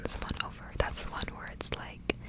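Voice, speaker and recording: Here a woman whispers the whole way through in a soft, gentle, hushed ASMR-host style that suits storytelling. Her pace is fairly quick.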